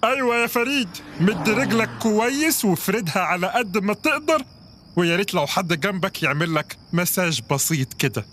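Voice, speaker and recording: A man's voice: high voice, big pitch swings, a little fast, a bit bright, slight background noise. A man voicing Doctor Tawfiq, a friendly doctor in a children's audio drama who gives caring advice. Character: kindly helpful doctor Tawfiq.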